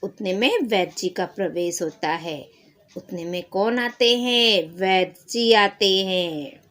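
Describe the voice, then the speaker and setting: A woman teacher with a Marathi-influenced Hindi accent, slowly reading and explaining a school lesson to children, acting out the characters' lines. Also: a bit bright. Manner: slow, explanatory, acts out character lines with rising pitch.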